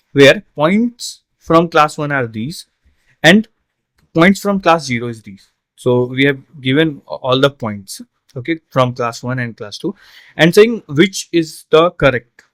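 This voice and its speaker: A man's voice: fairly high pitch, no echo. A man tutoring an exam solution, explaining step by step with frequent fillers and tag questions, a little tired. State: yawning, tired. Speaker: online tutor.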